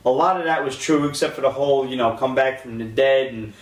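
A man's voice: mid-range voice, a little fast, far from the mic. A man co-hosting a casual roundtable podcast about comics, blunt and profane as he tells stories. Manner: blunt, profane, lively storyteller. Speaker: podcast co-host. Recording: echoey room.

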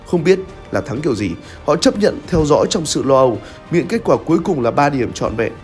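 A young man reads a scripted football review as a commentator, with a lively, dramatic storytelling delivery, recorded on a studio set with a lavalier mic. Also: a little high, a little fast, faint music behind. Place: red studio set with screens. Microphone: lavalier mic on shirt.

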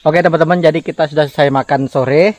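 A man's voice: on the high side, steady tone, fast, darkish tone. A man in his thirties chatting casually to viewers while camping by a river in a forest. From Indonesia. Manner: chatty, addresses viewers as guys. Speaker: vlogger. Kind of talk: casual outdoor vlog talk. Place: forest camp by a river, outdoors.

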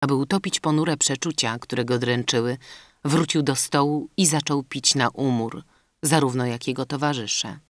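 A man narrates a classic novel at a measured, literary pace. His voice sits at an ordinary middle pitch. The recording is dry and close, with no room sound. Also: no echo. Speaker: audiobook narrator. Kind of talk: scripted narration.

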